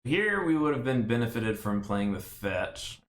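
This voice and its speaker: A man's voice: mid-range voice, very animated, a little slow, fairly bright tone, roomy sound. A man streaming a card game, thinking aloud in casual play-by-play commentary with rambling, self-mocking asides. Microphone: desk stream mic.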